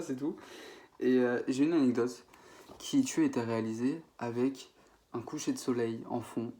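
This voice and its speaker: A man's voice: mid-range voice, a little mellow. A young man from France, casually ranking his favorite rap producers, rambling with many fillers and self-corrections. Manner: slangy, informal French. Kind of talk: casual spoken ranking video.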